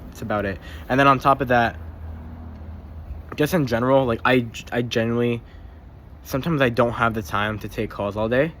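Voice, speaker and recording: A man's voice: mid-range voice, steady tone, normal speed, long pauses, a bit bright, slight background noise. Rambling young man trips over his words. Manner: rambling, swears casually, often repeats and trips over words. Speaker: vlogger keeping a spoken journal. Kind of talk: casual spoken journal.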